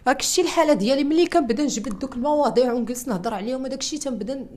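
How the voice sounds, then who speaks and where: A woman's voice: sits high, racing, a little mellow. A young woman with a Moroccan Arabic accent giving an emotional personal testimony, distressed, repeating herself and restarting her sentences. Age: young adult. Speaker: interviewee.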